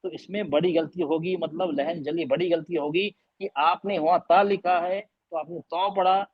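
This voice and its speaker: A man with a husky, fairly high voice leads an online recitation lesson, repeating letter sounds as demonstrations and quizzing his students. The sound is dry and close, with no room around it. It comes through the dull, lo-fi audio of a video call. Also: steady tone, dry recording. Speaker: Quran recitation teacher. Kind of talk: online class teaching.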